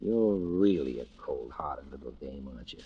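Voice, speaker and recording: A man's voice: a bass voice, expressive, normal speed, slightly rough, full character voice. An actor playing a cynical, urgent American tough guy, slangy and sardonic, in an old-time radio drama. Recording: muffled vintage radio recording.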